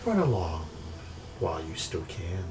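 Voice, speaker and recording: A man voicing an imperious, mocking shapeshifting sorceress who talks in drawn-out, teasing threats. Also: deep voice, sing-song, far from the mic, noisy background, pitched below the performer's own voice. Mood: haughty menace. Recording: mic set back, faint music.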